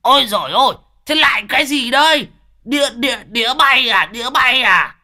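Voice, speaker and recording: Brief: a boastful, jumpy old villager, exclaiming loudly, voice rising and falling, as the narrator puts him on. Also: male voice, very high voice, animated, a little fast, no room sound, studio quality, voice pushed up, full character voice. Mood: alarmed. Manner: loud exclamations, boastful and rattled. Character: blustering old village man, easily frightened.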